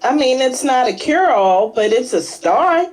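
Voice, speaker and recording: A woman co-hosting a casual radio talk show in a studio, agreeable and quick with short affirmations. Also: high voice, very animated, darkish tone, slight background noise.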